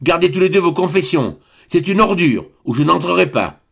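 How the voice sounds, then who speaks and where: A proud old baron speaks with thundering, imperious indignation, as a man reading aloud voices him. His voice sits high and swings widely, with a gravelly rasp underneath. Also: expressive, normal speed. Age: older. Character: stern proud old male baron, outraged aristocrat.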